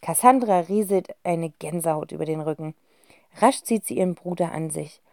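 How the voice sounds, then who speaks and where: A woman narrating a children's audiobook in a lively, expressive storytelling manner. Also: low-pitched, moderate pace, dry recording, clean studio sound.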